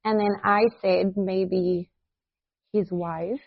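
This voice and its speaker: This South African podcast co-host, a talkative woman in her 30s, has a medium-pitched, steady voice with vocal fry. She laughs easily and drops quick asides during casual chat, and the recording is muffled lo-fi in a dead dry room with no echo.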